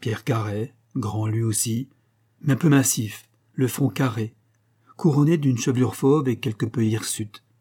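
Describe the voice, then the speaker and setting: A man narrating a classic adventure novel in a steady, measured literary reading. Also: mid-range voice, breathy edge. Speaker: audiobook narrator. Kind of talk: scripted narration.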